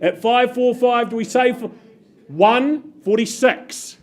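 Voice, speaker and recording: A New man working as an auctioneer, calling bids in brisk, upbeat patter, his voice a little muffled by a face mask. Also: extremely high pitch. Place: auction room.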